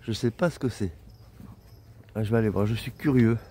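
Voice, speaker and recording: A man's voice: on the low side, a little fast, warm tone, slight background noise. Chatty man filming his country walk. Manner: chatty, rambling, easily amazed. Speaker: walking pilgrim vlogger. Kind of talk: casual vlog narration while walking. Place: outdoors in open countryside.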